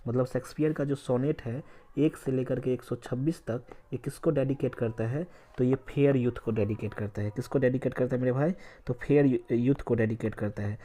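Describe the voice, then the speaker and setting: A man's voice: medium pitch, steady tone, brisk, mellow. A male teacher giving an exam-prep literature lesson in Hindi mixed with English, asking a question and answering it himself again and again. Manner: repeats points as quiz questions and answers them; spells out words letter by letter.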